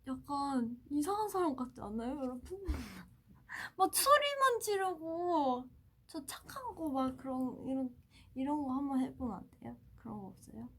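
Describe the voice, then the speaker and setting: A woman in her twenties hosting a casual livestream, chatting playfully with fans and often dropping to a hushed tone. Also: high voice, expressive, unhurried. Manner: playful, often drops to a soft hush. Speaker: idol livestream host. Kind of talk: casual livestream chat, answering fan comments.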